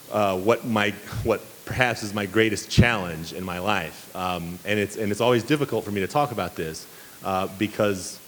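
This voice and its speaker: Earnest man speaking in a reverberant hall. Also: on the low side. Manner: earnest, many fillers and restarts. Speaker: banquet speaker. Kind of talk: speech to students. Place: banquet hall. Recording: reverberant hall with faint hiss.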